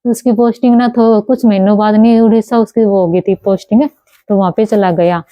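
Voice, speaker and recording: हरियाणवी लहजे वाली युवती, रुक-रुककर बोलती. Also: female voice, mid-range voice, steady tone, mellow, no echo. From Haryana. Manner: halting, with many restarts and cut-off words. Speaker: interviewee telling her story. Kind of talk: personal testimony.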